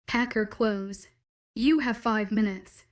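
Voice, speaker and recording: Woman doing an angry bossy young guy in an audiobook, short clipped orders, mid pitch. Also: steady tone, takes it slowly, lightly acted. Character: angry, commanding young man, protective and forceful.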